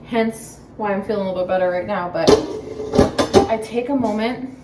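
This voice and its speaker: A woman's voice: mid-range voice, moderate pace, far from the mic. A stay-at-home mom chatting casually to camera in her home kitchen, a dramatic talker who laughs often. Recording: echoey room, voice off-mic, faint background noise.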